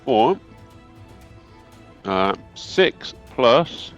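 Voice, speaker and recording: Slow-talking man, dull lo-fi recording. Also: fairly high pitch, huge pitch swings, gravelly. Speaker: tabletop game player. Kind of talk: casual game chat. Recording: dull lo-fi sound, background music.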